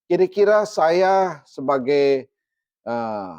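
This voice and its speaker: A man interviewing his former school principal, speaking respectfully with frequent fillers and drawn-out phrases. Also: fairly high pitch, very animated, darkish tone, muffled recording. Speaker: interviewer, alumnus. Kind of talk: casual interview.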